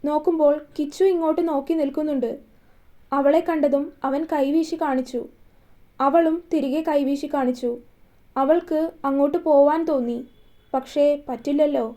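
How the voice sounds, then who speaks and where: High-voiced woman narrating a romance story. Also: normal speed. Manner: calm, steady reading.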